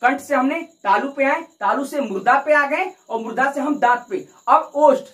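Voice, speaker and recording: Lady teacher with a highish voice, explains slowly and repeats herself, keeps saying "friends". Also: a bit bright, rough recording. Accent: Hindi. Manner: repetitive, rhetorical questions answered herself, addresses "दोस्तों"; demonstrates mouth positions while explaining. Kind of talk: exam-prep grammar lesson.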